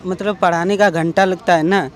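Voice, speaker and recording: A man's voice: high voice, fairly even intonation, moderate pace. A young man telling a rambling story in a casual street interview, acting out who said what and now and then raising his voice. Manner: rambling storyteller who acts out quoted dialogue, sometimes shouting.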